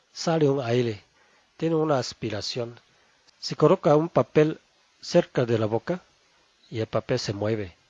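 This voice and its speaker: A man teaching Chinese pronunciation, saying each syllable slowly and twice over. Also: mid-range voice, darkish tone, dry recording, highs cut off. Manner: slow, deliberate, repeats each syllable twice. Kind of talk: pronunciation lesson.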